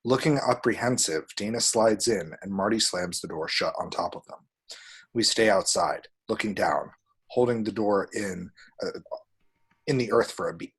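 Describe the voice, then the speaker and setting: At a table read, a man narrates a screenplay's action lines vividly and dramatically, speaking the sound effects aloud. His voice sits on the low side with a breathy edge, and he keeps a moderate pace.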